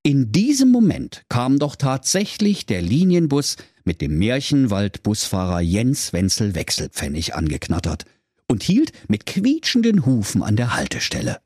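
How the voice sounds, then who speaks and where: Playful fairy-tale narrator, man, very lively voice, dry studio. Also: mid-range voice, moderate pace, husky, no echo. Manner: storyteller tone, playful, addresses children.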